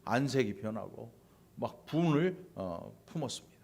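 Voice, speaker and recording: A male pastor preaching a sermon in a church, animated and prodding his congregation with quick asides. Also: medium pitch, vocal fry. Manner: animated preaching, acting out quoted voices, frequent "응?" and "어?" to the congregation. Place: church sanctuary.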